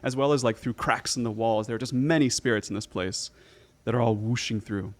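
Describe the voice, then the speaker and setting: A man's voice: medium pitch, a little fast. A man improvising descriptive narration as game master of a tabletop game, searching for his words as he goes.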